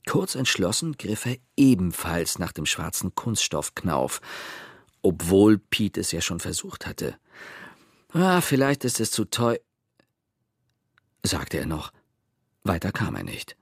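A man narrating a children's audiobook in a lively, expressive way. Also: low voice, gravelly, breathy edge, no room sound, studio quality.

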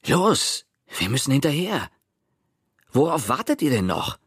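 A man's voice: fairly low pitch, very animated, normal speed, husky, no echo, clean studio sound. A man voicing a brash young boy who orders his friends around. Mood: bossy. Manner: pushy, brash. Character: bossy young boy covering his fright.

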